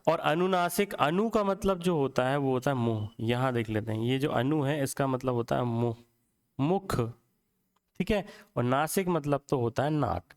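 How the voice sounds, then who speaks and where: A man teaching Hindi for exams, explaining step by step and repeating words slowly to show how they sound. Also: medium pitch. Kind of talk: classroom lecture for exam prep.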